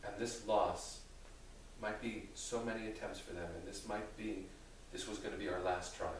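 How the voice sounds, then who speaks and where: A man speaking as a rabbi, answering theological questions in a deliberate, thoughtful way with careful qualifications. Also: lowish voice, steady tone. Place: reverberant indoor room with an audience. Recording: very echoey room, distant mic, faint noise.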